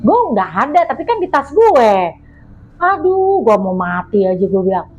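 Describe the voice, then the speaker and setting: A woman, a guest who tells her story in an animated, slangy and dramatic way. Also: fairly high pitch, moderate pace, muffled recording, slight background noise. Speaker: guest telling a mystical experience. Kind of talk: casual storytelling chat.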